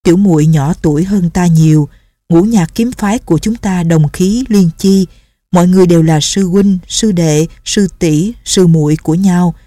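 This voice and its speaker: A sly young male swordsman, gentle on the surface and full of mock remorse, as a woman reads him in her own low, mellow voice. The sound is dry and close. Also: moderate pace, no echo, close to an everyday voice.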